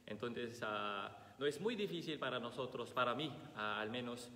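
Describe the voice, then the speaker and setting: During Mass, a Filipino priest in his thirties, a Tagalog native speaker with a slight cold, reads the Gospel and delivers a homily, speaking slowly and haltingly with many pauses and "ah" fillers as he searches for words. His voice is medium-pitched and sharp, with a Filipino accent. A fixed camera across the altar, where he is seated, records him in a large, echoey church with long reverb.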